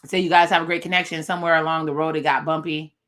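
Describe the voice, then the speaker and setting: A woman's voice: sits low, little pitch movement, quick pace, a bit bright. A woman hosting a live reaction stream, casually recapping and commenting on a dating show. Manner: casual, recaps what cast members say, chatty asides. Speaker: reaction video host.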